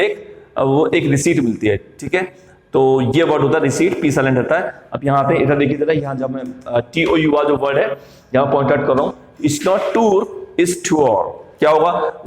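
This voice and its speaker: A man teaching English pronunciation in Hindi mixed with English, repeating words and quizzing his viewers. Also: fairly high pitch. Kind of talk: spoken English lesson. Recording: echoey room with long reverb.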